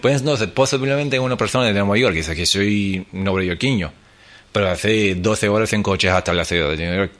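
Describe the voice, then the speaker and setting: American man speaking halting Spanish. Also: fairly low pitch, a bit bright. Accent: American English. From New Jersey, United States. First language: English. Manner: halting second-language Spanish with many fillers. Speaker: radio guest.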